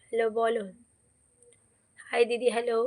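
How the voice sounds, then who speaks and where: Hoarse woman chatting on a live stream. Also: on the high side, completely flat delivery, moderate pace, a little mellow. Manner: chatty, keeps urging viewers to comment and subscribe. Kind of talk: casual live-stream chat.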